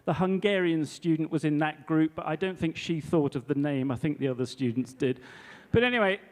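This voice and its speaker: A man in his fifties gives a conference talk to fellow teachers, telling a classroom story in a chatty way and checking in with his listeners. His voice sits slightly high. The sound rings with the long reverb of a large hall. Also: brisk, a little mellow. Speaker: English language teacher presenting to teachers. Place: hall before a live audience.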